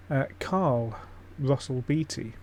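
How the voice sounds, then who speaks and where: Man, casual reaction commentary, skeptical, blunt, mid-pitched. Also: a little mellow. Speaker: streamer reacting to a ghost-hunting show. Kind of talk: casual live-stream commentary.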